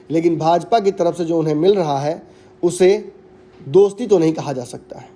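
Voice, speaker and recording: A man anchoring a news bulletin, giving measured, emphatic political commentary. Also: fairly high pitch, warm tone.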